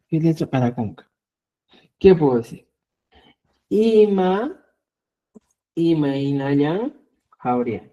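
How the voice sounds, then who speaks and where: A male teacher, explaining grammar in an online lesson and often checking in with a quick "¿ya?". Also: on the high side, warm tone, poor audio. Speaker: Quechua language teacher.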